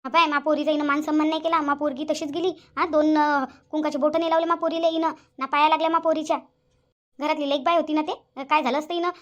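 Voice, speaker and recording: A woman's voice: high voice, little pitch movement, quick pace, dull audio, close to an everyday voice. A woman voicing a bossy, sarcastic older mother-in-law in a cartoon, with a nagging, scolding way of talking. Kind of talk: cartoon voice acting.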